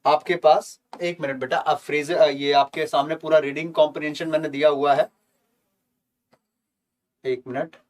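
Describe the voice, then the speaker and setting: A man teaching English vocabulary in a live online exam-prep lesson, coaxing viewers to comment and chanting memory tricks in a slow singsong. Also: fairly high pitch, little pitch movement. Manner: addresses viewers as children, asks for comments.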